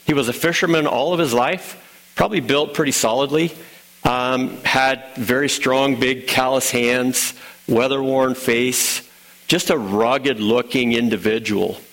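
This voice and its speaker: Man, middle-aged pastor, gravelly, relaxed conversational sermon delivery with restarts. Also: medium pitch, measured pace, rough recording. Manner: conversational storytelling with fillers and restarts.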